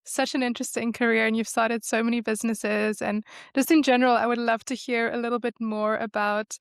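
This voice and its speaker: A woman's voice: on the high side, level tone, brisk, creaky, smooth, dry recording, clean studio sound. A woman hosting a podcast interview, asking questions in an enthusiastic, encouraging way. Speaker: podcast host. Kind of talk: conversational interview.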